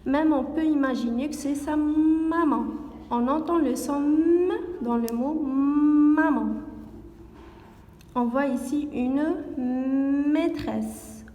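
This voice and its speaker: A woman teaching a phonics lesson to young children, speaking slowly and carefully and repeating each word and sound. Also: high-pitched, mellow. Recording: echoey room with long reverb.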